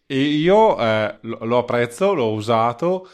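A man's voice: mid-range voice, animated, measured pace, clean tone. Podcast co-host guy, casual, trips over his first words then keeps going. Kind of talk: casual conversation.

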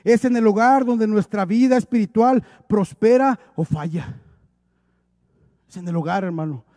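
A man's voice: sits high, unhurried, warm tone, dry recording, clean studio sound. A male preacher delivering an emphatic, exhorting sermon, lightened with humorous acted asides.

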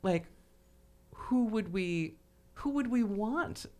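A woman with a medium-pitched, mellow voice speaks slowly and with lively intonation. She hosts a podcast and chats casually about literature, sprinkling her talk with "like" and "you know."

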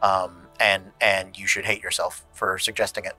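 A man's voice: low voice, level tone, moderate pace, sharp tone, faint music behind, exaggerated voice. A man voicing a quirky, nasal male goblin who hoards shiny junk and rambles indignantly. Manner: fussy, rambling, mock-indignant.

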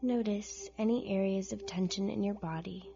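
A woman narrating a scripted guided relaxation in a soft, breathy near-whisper, with gentle, soothing instructions and pauses. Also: mid-range voice, muffled recording. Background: soft music.

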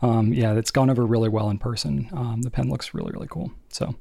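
Easygoing guy co-hosting a podcast, mid-pitch voice, chill. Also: fast, gravelly, slightly rough. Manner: relaxed, laid-back, backchannels a lot. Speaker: podcast co-host. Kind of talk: casual chat.

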